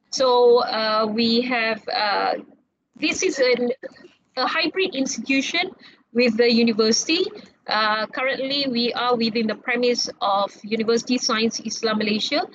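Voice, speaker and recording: A cheerful woman with a fairly high voice introduces her college team on a video call, laughing now and then. The laptop mic sounds dull and lo-fi, with faint noise underneath. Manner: cheerful, laughs between phrases. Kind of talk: introductions in an online meeting.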